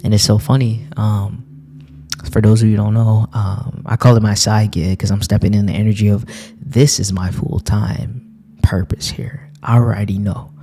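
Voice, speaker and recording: A man's voice: fairly low pitch, flat delivery, normal speed, mellow, slight background noise. A man giving an earnest spiritual talk while reading cards, repeating phrases for emphasis.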